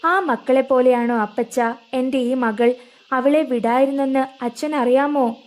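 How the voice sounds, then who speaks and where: A woman's voice: sits high, measured pace, darkish tone. A woman reading as a boastful drunk father. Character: doting drunken father, middle-aged man.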